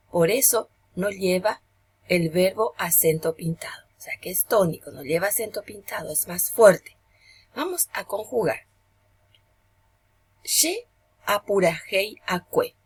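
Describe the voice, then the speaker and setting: A woman teacher giving a remote lesson to children, gentle and patient, saying each term slowly. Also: medium pitch, breathy edge.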